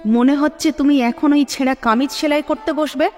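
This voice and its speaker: A woman voicing an angry, impatient grown man who snaps and scolds in a storybook reading, with a long reverb and soft sitar music behind. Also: very high-pitched, fairly even intonation, moderate pace, voice pushed up. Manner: snapping, scolding.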